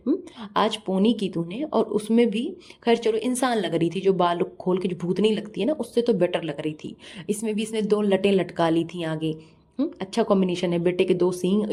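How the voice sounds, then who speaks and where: A woman's voice: medium pitch, a little mellow. A woman giving reaction vlog commentary in a scornful, mocking, scolding way. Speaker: reaction vlogger.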